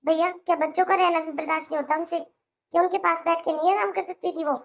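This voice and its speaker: A woman's voice: extremely high pitch, fairly even intonation, fast, creaky. A woman voicing a sulky young married sister in a cartoon, complaining in an aggrieved way with a Hindi accent. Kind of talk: cartoon voice acting.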